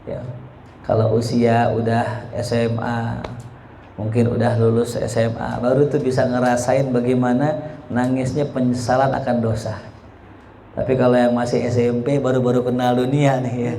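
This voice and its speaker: A young man teaching a religious study lesson, lively, with a habit of saying "ya" between phrases. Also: medium pitch, a little hiss or hum.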